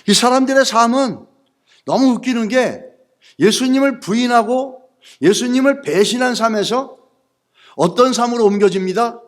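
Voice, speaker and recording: A man's voice: very high-pitched, normal speed. A male pastor preaching a sermon, posing rhetorical questions to the congregation and mixing in English words.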